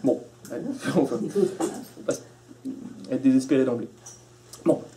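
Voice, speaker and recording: A man's voice: medium pitch, fairly even intonation, unhurried, dark tone, slight background noise. A man teaching a philosophy class, talking freely and acting out little quotes with many restarts. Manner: conversational, with restarts and acted-out quotes. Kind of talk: live lecture to a class.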